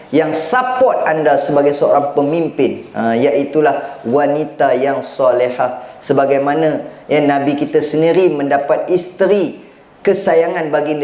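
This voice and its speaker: A man's voice: medium pitch, a little mellow. A middle-aged man giving a humorous religious talk as a preacher. He jokes and keeps asking his listeners questions. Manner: jokey, asks the audience questions. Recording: echoey hall with faint background noise.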